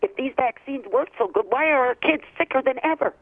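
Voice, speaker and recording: A woman's voice: high voice, brisk, no echo. A woman hosting an opinionated talk show, interjecting insistently in casual conversation. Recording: tinny narrow telephone line.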